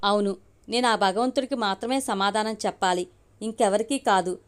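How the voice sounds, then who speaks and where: A woman's voice: medium pitch, steady tone, moderate pace, clear, resonant tone, close to an everyday voice. A woman voicing a heartbroken, tearful young woman in an audio story, speaking in a faltering, despairing way. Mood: subdued.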